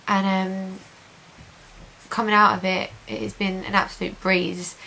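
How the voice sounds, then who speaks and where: A woman's voice: mid-range voice, vocal fry, a bit bright, poor audio. A woman giving a casual video diary update, chatty and positive in an informal, conversational way. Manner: chatty, repeats intensifiers, positive and reassured. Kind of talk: casual chat to camera. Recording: hissy home recording.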